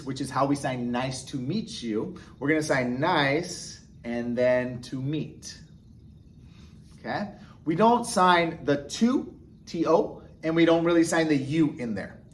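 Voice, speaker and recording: A man whose voice is a little high and a bit bright gives a casual instructional explanation of beginner sign language. He keeps it encouraging and chatty, often checking in with the viewer by asking "okay?" and "right?"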